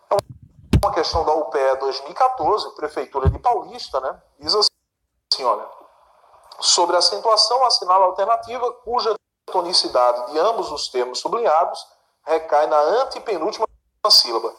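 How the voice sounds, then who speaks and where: Big pitch swings mark this man's fairly high, pushed, bright voice as he leads an exam-prep lesson at moderate speed. He tackles questions one step at a time, answering his own queries and checking on the listener, recorded in an echoey space.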